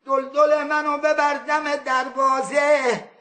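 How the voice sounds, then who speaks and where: A man voicing a revered holy man who speaks calmly and gives orders. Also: very high-pitched, reverberant. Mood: commanding.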